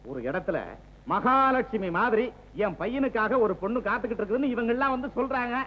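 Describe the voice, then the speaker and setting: A man's voice: very high voice, quick pace, pushed and bright, low-quality recording. An actor playing a pompous, domineering middle-aged village headman who dotes on his son, in a 1960s film. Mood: boastful. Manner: boastful and domineering. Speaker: village council president.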